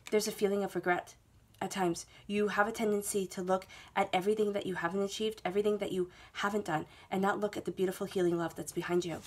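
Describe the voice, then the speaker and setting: Talking fast with hardly any pauses, a woman reads tarot cards spread on a table indoors for her monthly video to camera. She has a head cold, and her mid-range voice shows little pitch movement as she soothingly reassures viewers, often saying "okay?".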